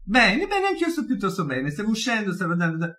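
Guy doing a stuck-up old lady on the phone, high voice all over the place, bitchy and theatrical. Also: huge pitch swings, quick pace, exaggerated voice. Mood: catty. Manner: gossipy, sharp-tongued, swooping. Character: snobbish elderly upper-class woman, catty and theatrical. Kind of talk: comic sketch monologue.

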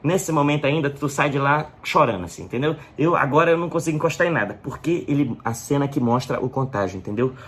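A man's voice: mid-range voice, lively intonation, fast, few pauses, husky. A man with a Brazilian accent giving a rambling, profane comic monologue at home, acting out scenes with exaggerated coughs. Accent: Brazilian Portuguese. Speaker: comedy vlogger. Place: indoors at home.

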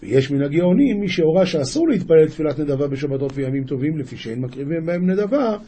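A male rabbi with a fairly high, husky, warm voice speaks expressively during a daily lesson. He reads an ancient religious passage aloud and explains each phrase, restarting words and correcting himself often.

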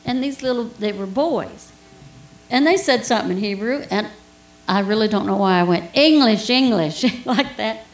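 A woman's voice: medium pitch, moderate pace, roomy sound, low-quality recording. A woman giving an informal Bible teaching, telling a personal story in a chatty way with laughs and asides.

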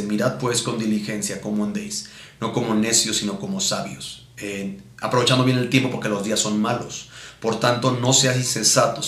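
Echoing through a roomy space, a lowish, slightly bright male voice with a Mexican accent delivers a teaching sermon with scripture readings at a missions conference. As pastor, he's didactic, restating his points and checking in through rhetorical questions.

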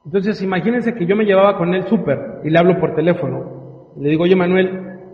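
Guy doing a motivational talk, acts out the dialogue, roomy muffled hall sound. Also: high voice. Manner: acts out dialogue, dramatic pauses. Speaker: motivational speaker at a business event. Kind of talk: emotional storytelling speech to an audience. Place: large hall with a live audience. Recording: echoey hall, dull sound.

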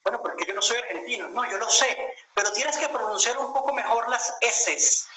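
A Venezuelan interview guest in his late thirties thinks aloud at a moderate pace, his voice high and bright as he restarts sentences and hesitates through a reflective story. The conversational video call sounds echoey and roomy, with a faint hiss behind him.

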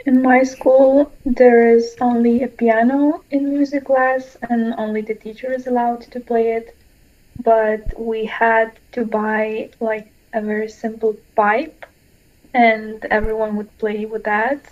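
A woman's voice: a little high, little pitch movement, a little slow, phone-quality sound. A woman from Lithuania, hosting and chatting casually on a podcast. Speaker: podcast host. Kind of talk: casual chat.

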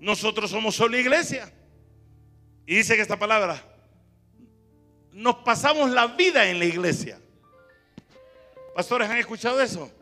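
A pastor preaching a sermon in a church, emphatic and calling out to the congregation, at times rising to shouts. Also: male voice, sits high, lively intonation, normal speed, long pauses, long reverb tail, soft background music.

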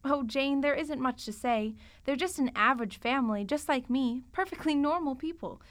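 A woman's voice: high-pitched, moderate pace, lightly acted. Irma, a woman playing a ditzy sweet roommate. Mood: cheerful. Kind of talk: 1940s radio comedy acting.

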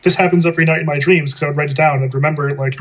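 A man co-hosts a casual podcast with a fairly high, husky voice. He keeps the talk playful and jokey. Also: fairly even intonation, very fast, low-quality recording. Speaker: podcast co-host. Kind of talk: casual chat.

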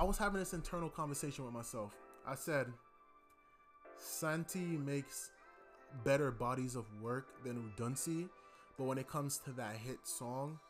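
A young man hosts a podcast and loosely chats through an album review, rambling with lots of fillers. His voice is mid-range and a bit bright.

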